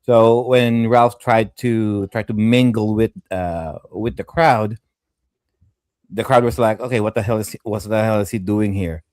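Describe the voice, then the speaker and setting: A man on a podcast panel in casual movie talk, animated and acting out scenes, swearing now and then. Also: on the low side, measured pace, dry recording. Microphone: video call mic.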